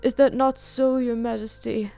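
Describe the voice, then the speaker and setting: A woman voicing an excitable, frail old male scholar who lectures eagerly, her voice pitched well above her own. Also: moderate pace, vocal fry, no echo. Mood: eager lecturing.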